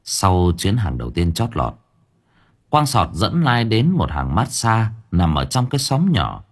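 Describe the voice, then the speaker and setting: Male audiobook narrator, husky, lowish voice, lively reading. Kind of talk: scripted story narration.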